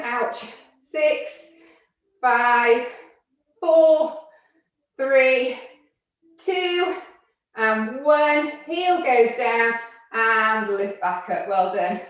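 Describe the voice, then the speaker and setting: Breathless woman leading a barre class. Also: high-pitched. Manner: counts reps and cues moves, gently encouraging. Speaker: fitness instructor. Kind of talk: exercise class instruction. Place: room with barre and mats. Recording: echoey room, voice from far off.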